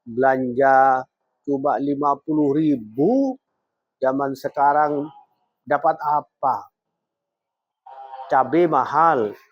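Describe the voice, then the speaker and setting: A man acting out a harsh, nagging middle-aged housewife in a high, put-on voice. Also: dry recording, highs cut off, heavily acted. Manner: shrill scolding, turns sugary to guests.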